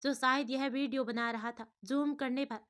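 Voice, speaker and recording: Bright-voiced woman storyteller. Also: high-pitched, fairly even intonation, normal speed. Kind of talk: storybook narration.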